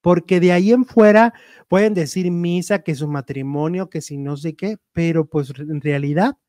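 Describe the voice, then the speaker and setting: A man hosting a casual entertainment chat, gossiping in an animated way and acting out quotes playfully. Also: fairly high pitch, normal speed, no room sound, clean studio sound. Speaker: show host.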